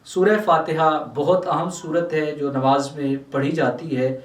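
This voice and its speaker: An Islamic scholar with a Pakistani Urdu accent teaches Quran translation, reciting verses and explaining them word by word in a religious lesson. His voice is on the high side with a flat delivery. The recording is reverberant and taken from a distance.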